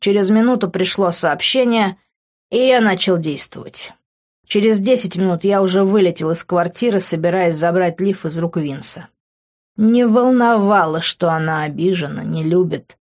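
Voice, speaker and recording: A woman reads a novel aloud in the first person at a steady pace. Her voice sits low. The recording sounds dull and muffled. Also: normal speed. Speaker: audiobook reader. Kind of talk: first-person audiobook narration.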